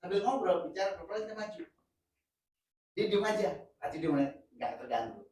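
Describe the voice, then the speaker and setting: A man teaching a communication workshop, lively and joking, switching between casual slang and formal teaching. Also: high voice, fairly quick. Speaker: communication trainer. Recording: echoey room, mic far off, faint noise.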